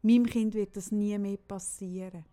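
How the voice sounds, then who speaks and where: Animated Swiss German woman storyteller. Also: mid-range voice, moderate pace. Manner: animated storyteller, often tags lines with "oder?". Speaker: podcast co-host telling a story. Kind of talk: casual chat.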